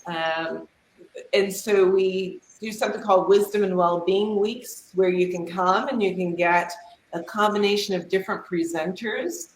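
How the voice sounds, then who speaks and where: A woman's voice: medium pitch, a little slow. Middle-aged woman yoga teacher on a glitchy video call, volume jumps up and down, echoey room, faint noise behind. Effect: remote call audio cutting out, uneven volume. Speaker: yoga teacher and retreat leader. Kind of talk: reflective conversational interview answers.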